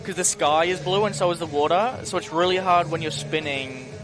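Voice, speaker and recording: A young man chats as a co-commentator in an upbeat, easygoing way. His voice sits a touch higher than most. Clear music plays behind him. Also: fairly quick. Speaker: diver, co-commentator. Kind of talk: live sports commentary.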